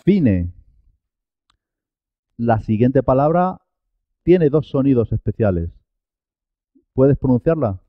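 A man's voice: mid-range voice, expressive, slow pace, long pauses, no room sound, highs cut off. A man teaching a Spanish pronunciation lesson, carefully enunciating each sound and model word. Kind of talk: slow, clear pronunciation lesson.

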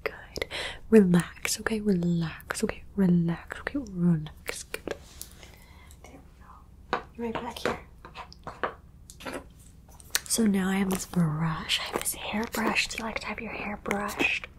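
A woman whispering through an ASMR roleplay, talking straight to the listener in soft, slow, repetitive soothing phrases with a playful touch. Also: mid-range voice. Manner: playful, addresses the listener directly. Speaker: ASMR creator.

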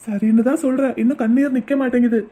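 A woman voicing a gentle, devoted young man who coaxes and comforts his wife in an amateur audio drama. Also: on the high side, steady tone, quick pace, husky. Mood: soothing. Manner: soothing, coaxing.

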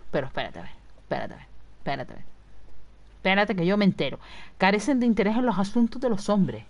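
Foul-mouthed animated woman streamer. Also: fairly low pitch, muffled recording. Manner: swears a lot, shouts at enemies. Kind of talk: live gameplay commentary.

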